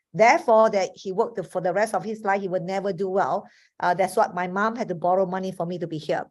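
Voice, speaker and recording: Speaking on a video call, a Malaysian woman in her fifties with a mid-range voice delivers an earnest motivational webinar talk, often restarting her sentences. She is a native Chinese speaker with a Malaysian accent.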